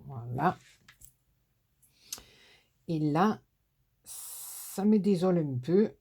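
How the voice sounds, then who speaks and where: Slow, husky southern French woman crafting. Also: deep voice, animated, mellow. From southern France. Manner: chatty, talks to herself and teases herself while working. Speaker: crafting tutorial host. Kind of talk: casual craft tutorial.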